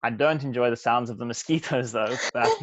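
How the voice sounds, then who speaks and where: A man giving a relaxed, reflective impromptu speech at a club meeting. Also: mid-range voice, moderate pace. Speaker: meeting participant answering a table topic.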